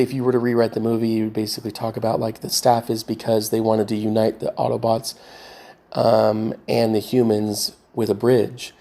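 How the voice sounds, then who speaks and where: Guy with a gravelly voice rambling on, lots of ums, keeps stopping and restarting. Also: mid-range voice, a little mellow. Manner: halting, many fillers and restarts, trying to recall. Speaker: vlogger retelling a movie rewrite. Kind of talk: rambling casual monologue.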